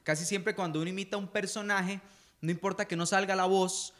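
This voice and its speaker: A man's voice: high-pitched, steady tone, fairly quick, fairly bright tone, a little hiss or hum. A young man with a Costa Rican accent, an impressionist guest chatting casually and slipping into impressions. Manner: chatty, slips into impressions and singing. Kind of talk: casual podcast chat.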